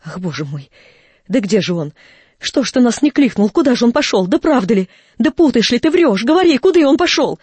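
A man's voice: on the high side, moderate pace, pauses often, darkish tone, breathy edge, no echo. A man reading the lines of an anguished young peasant mother, firing off agitated, pleading questions. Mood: frantic.

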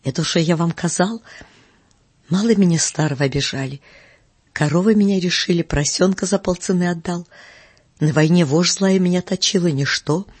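A reader voicing a sly old man with a Ukrainian accent who wails and swears oaths in a shrill raised voice. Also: normal speed, slightly rough, dry recording, natural voice. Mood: hoarse, aggrieved. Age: older. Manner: wailing, swearing oaths, rising to high shrill pitch. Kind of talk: audiobook character reading.

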